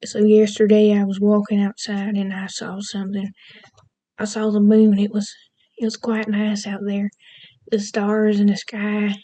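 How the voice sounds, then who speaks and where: Casting: woman doing a lazy Southern drawl, mellow and low-key, with a fairly flat tone. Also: measured pace, lightly acted. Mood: relaxed. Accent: Southern US (put on).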